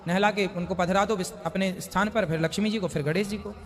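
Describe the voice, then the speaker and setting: A man, a spiritual teacher, calmly answering devotees' questions and explaining with everyday examples. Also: high-pitched, quick pace, long reverb tail. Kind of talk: religious question-and-answer discourse.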